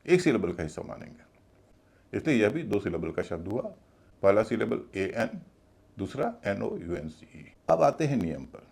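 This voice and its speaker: A man's voice: fairly low pitch, vocal fry, a little mellow, husky. A man teaching English pronunciation in a video class, explaining each rule step by step and spelling words out letter by letter.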